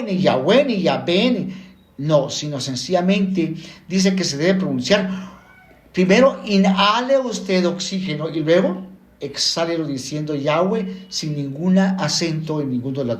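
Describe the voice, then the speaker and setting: A man teaching the Bible slowly and deliberately, explaining word by word. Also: a little high, echoey room.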